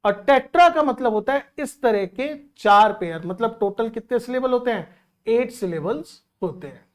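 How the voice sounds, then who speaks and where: A woman's voice: a little high, lively intonation, normal speed. A woman teaching literature, explaining a poem patiently and counting out syllables, switching between Hindi and English.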